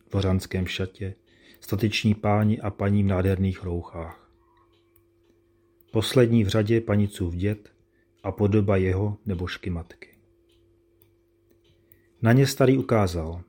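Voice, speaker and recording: Male narrator, low and mellow, measured and solemn classic storytelling. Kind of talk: scripted narration of a classic tale.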